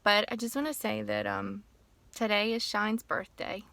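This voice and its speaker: Gravelly, bright-voiced woman vlogging from a car. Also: mid-range voice, flat delivery, moderate pace, no room sound. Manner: emotional, tearful at times, rambling. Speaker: author and teacher. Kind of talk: casual personal vlog. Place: parked car.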